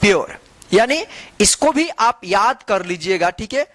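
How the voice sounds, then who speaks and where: Spelling out every word letter by letter before pronouncing it, a high-voiced English teacher runs a phonics lesson and patiently asks the class to echo him. His delivery is expressive, measured, and slightly bright, in a close, dry recording without echo.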